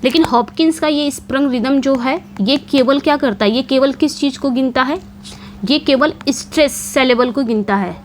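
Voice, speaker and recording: A woman teaching English literature for an exam, posing questions and answering them herself. She repeats key points and reads the English quiz questions slowly. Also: high-pitched, slight background noise. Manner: repeats key points with frequent check-ins. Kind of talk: exam-prep lecture.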